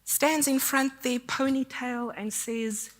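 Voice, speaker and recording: A woman's voice: high-pitched, steady tone, takes it slowly. A woman from South Africa with a South African accent, giving a candid, conversational conference talk. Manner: candid, conversational, self-deprecating. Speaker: conference speaker. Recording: long hall reverb.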